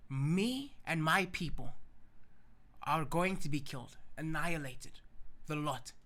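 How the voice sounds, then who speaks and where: A man's voice: on the high side, slow pace, sharp tone. A man voicing a courageous queen who pleads earnestly before a king. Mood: pleading.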